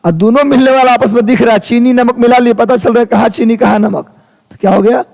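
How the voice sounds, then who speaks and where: A man's voice: extremely high pitch, fairly even intonation, fast, gravelly, darkish tone. A man, teaching a live class in a casual chatty way and teasing his students. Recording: long reverb of a hall.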